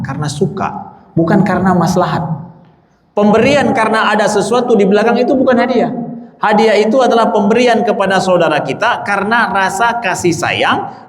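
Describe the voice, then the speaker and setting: Man, preacher, mosque sermon, slightly high voice, animated, repeats for emphasis, echoey hall, long reverb. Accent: Indonesian. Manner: animated, rising emphasis, repeats phrases, addresses the congregation. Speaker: ustadz giving a mosque lecture.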